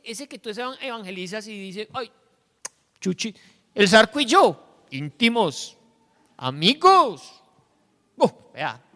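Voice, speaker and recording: Man, Colombian accent, pastor preaching, high pitch, lively sermon, reverberant church hall. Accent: Colombian Spanish. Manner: animated preacher acting out quoted voices. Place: church sanctuary.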